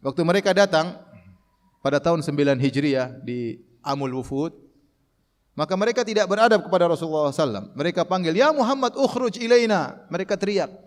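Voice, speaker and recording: High-voiced preacher in echoing hall. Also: male voice. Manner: animated, mimics shouting callers with raised voice; recites Arabic verses slowly. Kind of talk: Quranic commentary lecture. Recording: long hall reverb.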